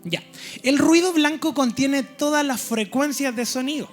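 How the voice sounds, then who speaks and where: A man's voice: very high-pitched, a little slow, soft background music. A man preaching a teaching sermon in a church. He explains step by step and keeps checking in with his listeners.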